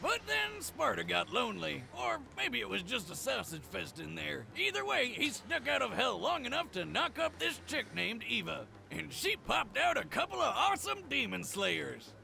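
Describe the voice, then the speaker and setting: A man playing a brash, crude, excitable co-host, joking in slang through scripted commentary. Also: extremely high pitch, moderate pace, vocal fry, hardly any pauses, a little hiss or hum, heavily acted. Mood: joking, hyped. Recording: voice over background music.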